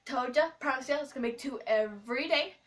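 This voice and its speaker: A woman's voice: high voice, fast talker. A young, school-age female host talking to camera in a casual, rambling vlog, with a playful, silly, scattered manner. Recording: distant mic, noisy, clicks.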